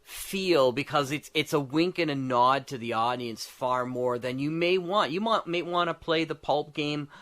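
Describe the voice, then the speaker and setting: On a podcast about tabletop games, a man chats casually about game design in a slightly high, fairly bright voice. He speaks at normal speed with few pauses, rambling as he thinks aloud and often checking that listeners follow.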